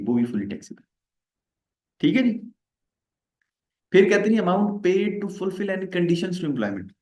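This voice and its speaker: Over roomy, slightly dull livestream audio, a man with a mid-range, somewhat mellow voice teaches a live online tax lesson. He's chatty, acts out little dialogues, and poses questions to viewers.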